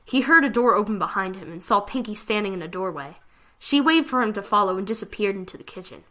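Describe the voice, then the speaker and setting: Reading a fan fiction story aloud with dramatic flair, a woman delivers it expressively in a medium-pitched voice at a quick pace.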